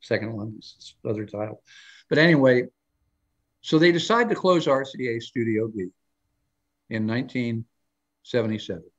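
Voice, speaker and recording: A man's voice: medium pitch, lively intonation, moderate pace, long pauses, muffled recording. An older man spins long anecdotes in a loose, rambling way, circling back and restarting as he goes. He leans into quoted lines with a lifted voice, then drops back to an easy conversational tone. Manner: acts out quoted lines in a raised voice. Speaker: guest storyteller on a live show. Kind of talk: casual live interview chat.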